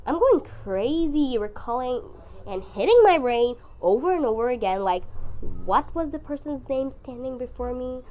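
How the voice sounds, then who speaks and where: A woman's voice: high-pitched, normal speed, dull audio. Young woman with congested, flu-strained voice. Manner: expressive, dramatic, self-deprecating. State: sick with flu. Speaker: art vlogger. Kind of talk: casual chatty voice-over while painting.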